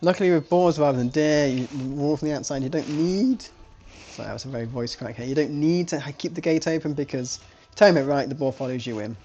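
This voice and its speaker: Casting a strategy game live, this esports caster speaks fast at a medium pitch with hardly any pauses and a darkish tone. The recording is muffled with a little hiss or hum, and he rambles chattily, frequently restarting sentences to correct himself.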